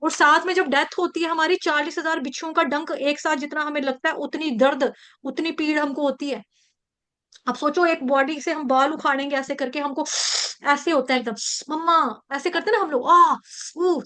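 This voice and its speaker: Woman spiritual teacher, high bright voice, animated storytelling, scripture class. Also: brisk. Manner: animated, acts out quotes in the story.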